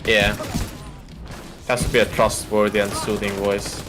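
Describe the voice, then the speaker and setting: A man's voice: on the low side, little pitch movement, unhurried, music in the background. A man who is not a native English speaker, chatting casually during a game stream, explaining at length and stopping to search for words. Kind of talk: casual chat while gaming.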